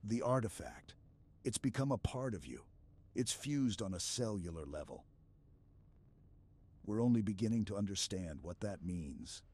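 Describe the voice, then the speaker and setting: A man playing Master Chief as a stoic, protective armored super-soldier in a scripted ASMR roleplay, speaking in a steady, clipped, reassuring military manner. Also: on the low side, moderate pace, long pauses. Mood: grave briefing. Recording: clear background ambience noise.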